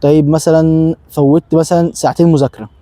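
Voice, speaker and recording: A man's voice: on the high side, fairly even intonation, fast, mellow, dry recording. A young man with an Egyptian accent gives a casual step-by-step lesson. He asks himself questions and answers them, and often repeats short phrases. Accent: Egyptian Arabic. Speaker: self-help video host. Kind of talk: casual instructional talk.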